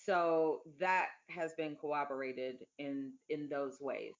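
A woman being interviewed, giving an unscripted account in a plain, deliberate, factual way. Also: sits low, muffled recording.

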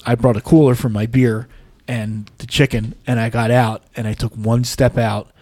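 A man's voice: medium pitch, flat delivery, normal speed, a little mellow, dry recording. Podcast guy rambling through a funny story, dry close sound, mid voice. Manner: rambling anecdotes with self-mocking humor. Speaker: podcast co-host. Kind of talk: casual chat, storytelling. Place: podcast studio. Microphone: podcast mic.

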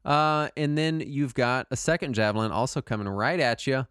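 A man's voice: mid-range voice, normal speed, smooth, dry recording, studio quality. A man narrating a tabletop game as game master, often laughing and joking with a player. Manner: laughing, playful, lively.

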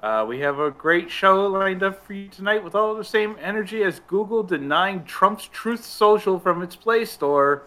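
A male podcast host chats casually and jokes, full of "uh"s. His tone is bright and forceful and a little high, heard through an online call microphone. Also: expressive, moderate pace, few pauses. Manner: joking, rambling, with many fillers. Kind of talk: casual chat.

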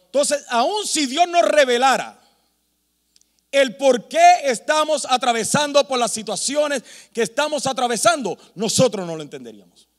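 A man's voice: very high-pitched, animated, normal speed, in a large hall. A man preaching a sermon with emphasis, rhetorical questions and humorous asides. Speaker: pastor.

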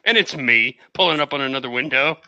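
A man co-hosting a podcast, heard over a remote satellite call link and cracking crude quick jokes in casual banter. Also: medium pitch, sharp tone, smooth, muffled recording. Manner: crude wisecracking, quick interjections. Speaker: podcast co-host joining remotely.

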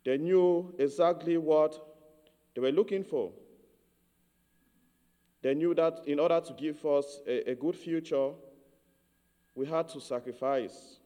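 A man from Cameroon giving a measured, earnest homily as a priest. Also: fairly high pitch, dark tone, big-room sound.

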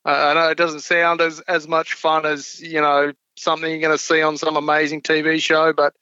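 A man's voice: a little high, monotone, normal speed, sharp tone, smooth, no room sound. A man with an Australian accent chatting casually as an interview guest, on a slightly dull recording. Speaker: podcast guest.

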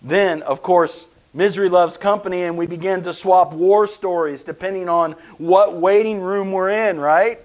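A man's voice: high-pitched, fairly even intonation, moderate pace, few pauses, a little mellow, poor audio. A man preaching a conversational sermon, often asking his listeners rhetorical questions. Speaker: pastor.

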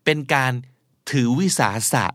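A man teaching English vocabulary and idioms, acting out example lines in English with animated delivery. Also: measured pace, no room sound, clean studio sound. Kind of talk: vocabulary lesson.

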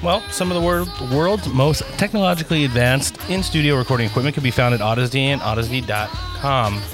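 A man's voice: medium pitch, brisk, music in the background. A man hosting a casual talk show, reading sponsor plugs and bantering playfully. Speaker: podcast host.

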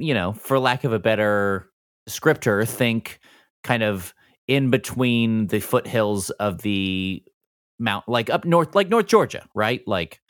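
A man acts as game master for a tabletop role-playing game. His voice sits a little low and moves with animated intonation. He describes places informally, as if chatting with the players, in a very dry recording. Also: no room sound. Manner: informal, conversational scene-setting.

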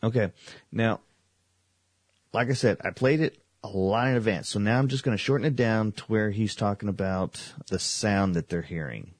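A man's voice: fairly low pitch, normal speed, husky, no room sound, clean studio sound. A man hosting a paranormal radio show, talking casually. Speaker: host of a paranormal radio podcast.

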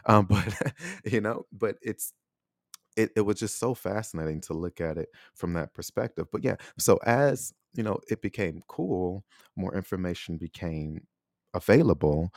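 Hosting a solo podcast, an American man from the United States speaks reflectively and conversationally, often checking in with a rhetorical "right?". His voice is low-pitched and a little mellow, captured with clean studio sound and no room echo.

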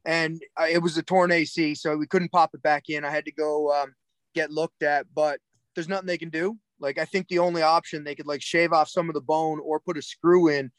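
A man's voice: on the high side, flat delivery, a little fast, no room sound. A man from Cape Breton with a Cape Breton accent, chatting casually and bluntly as a podcast guest, swearing freely. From Cape Breton Island, Nova Scotia, Canada. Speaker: podcast guest, jiu-jitsu coach. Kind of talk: casual chat.

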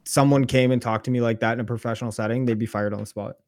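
A man's voice: medium pitch, fairly even intonation, racing, darkish tone, no echo. A man co-hosting a sports podcast, joking around in easygoing casual chat. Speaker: podcast co-host. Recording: dry close mic.

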